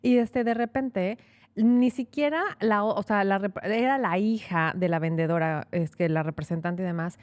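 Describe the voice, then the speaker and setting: A woman's voice: mid-range voice, normal speed. Lady lawyer telling a story on a podcast, lots of "este" and "o sea", acts out the quotes. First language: Spanish. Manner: animated, acts out quotes, many fillers. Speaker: immigration lawyer, podcast co-host. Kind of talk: casual storytelling chat.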